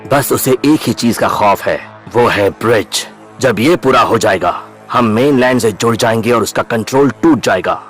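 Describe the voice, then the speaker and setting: An actor dubbing a grave, worried old bridge builder in an anime, explaining at length. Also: male voice, mid-range voice, measured pace, fairly bright tone, husky, faint music behind. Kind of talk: anime dub acting.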